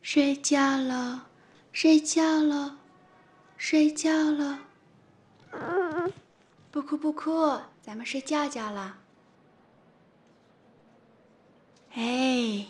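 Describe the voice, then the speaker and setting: An actress playing an anxious young mother in a TV drama, speaking softly. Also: fairly high pitch, steady tone, moderate pace, long pauses, husky. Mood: soothing. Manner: soft, anxious, soothing. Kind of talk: TV drama acting.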